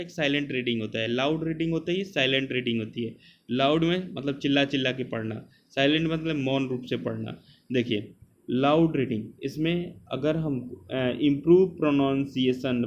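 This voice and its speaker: Man drilling exam terms. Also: medium pitch. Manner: repetitive, drills terms by repeating them. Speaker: exam prep teacher. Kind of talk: exam coaching lesson. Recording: slightly dull lo-fi sound, faint noise.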